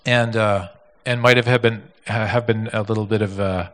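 A male pastor telling a story in a sermon, animated and full of repeats and restarts. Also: lowish voice, normal speed. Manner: animated, repetitive, with many restarts.

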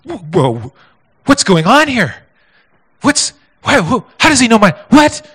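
A man's voice: fairly high pitch, fast talker, a bit bright. A man voicing a flustered small-town man who stammers anxiously. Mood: bewildered.

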